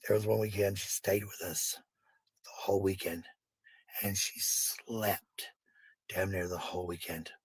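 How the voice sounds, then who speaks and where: Speaking to his viewers at an unhurried pace, this middle-aged man has a low-pitched, husky, gravelly voice and a steady tone. He rambles bluntly and profanely, hammering points home by repeating phrases, with no room sound in the audio.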